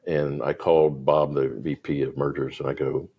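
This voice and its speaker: Very deep, gravelly man telling stories. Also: normal speed, muffled recording. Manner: animated, voices the people in his stories. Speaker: guest entrepreneur. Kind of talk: casual storytelling.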